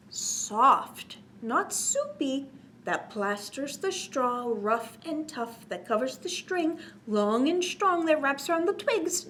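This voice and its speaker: A faint hiss or hum accompanies a high-voiced woman running a children's story time. She reads a picture book aloud with animated, sing-song emphasis, stopping to explain and ask questions.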